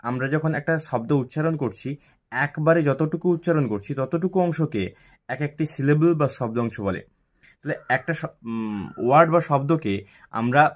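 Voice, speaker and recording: A man with a fairly high voice explains English grammar as a teacher would, raising a question and then supplying the answer. He repeats example words slowly, pronouncing them syllable by syllable.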